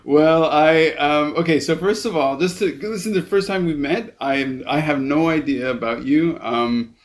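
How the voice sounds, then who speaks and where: A man hosting a podcast in casual chat, halting and repeating words as he thinks. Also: fairly high pitch. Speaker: podcast host.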